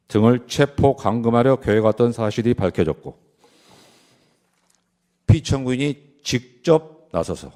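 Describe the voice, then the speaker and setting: A man gives a formal prepared closing argument as a lawyer, solemn and deliberate, stressing short phrases. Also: fairly low pitch, a little mellow. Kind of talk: formal prepared courtroom speech.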